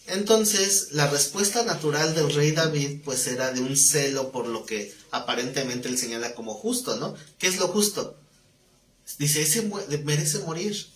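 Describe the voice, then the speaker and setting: A man, a pastor teaching a live Bible class, telling stories in a lively way and asking the class questions. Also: a little high, normal speed. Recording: echoey room, faint background noise.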